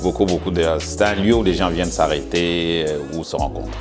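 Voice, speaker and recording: A man in his fifties, a museum director, speaking haltingly in a conversational interview. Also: low-pitched, music in the background. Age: 50s. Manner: hesitant, halting with many pauses and repeated words. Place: museum in Montreal.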